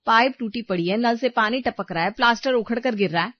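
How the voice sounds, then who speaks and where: Woman voicing a young daughter-in-law, complaining, pleading, high voice, lo-fi sound. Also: fairly quick, dry recording, close to an everyday voice. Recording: dull lo-fi recording.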